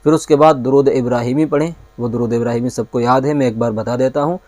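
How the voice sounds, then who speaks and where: A male mufti explains each step of prayer with calm patience, slowing down to recite the Arabic phrases carefully. His voice sits at an ordinary pitch for a man. The sound is dry and close, with almost no room echo. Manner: patient, repeats key points, recites Arabic phrases slowly. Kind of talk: step-by-step religious lesson.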